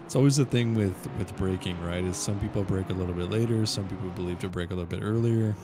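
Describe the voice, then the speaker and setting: Deep-voiced man, casual racing co-commentator. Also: quick pace. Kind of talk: casual race analysis and chat. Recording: clear car noise behind voice. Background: car engine and race ambience.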